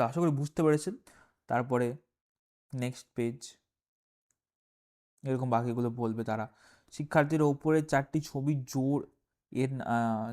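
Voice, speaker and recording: A man teaching from a primary school textbook in a casual recorded lesson. He reads lines aloud, explains with frequent "ah" fillers, keeps asking "okay?" and corrects himself as he goes. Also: mid-range voice. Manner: self-corrects page numbers aloud.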